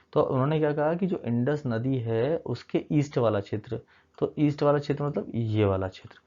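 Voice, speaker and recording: A man's voice: mid-range voice, dark tone. A male teacher giving a recorded classroom lecture to children, walking through a map and often checking in with them, mixing English terms into his explanations. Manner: coaxing, keeps checking in with the children. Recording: dull lo-fi sound.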